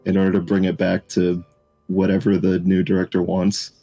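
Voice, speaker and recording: A young man co-hosting a casual podcast chat, talking in a halting, reflective way. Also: deep voice, monotone, vocal fry, mellow, soft background music, rough recording. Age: young adult. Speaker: podcast co-host.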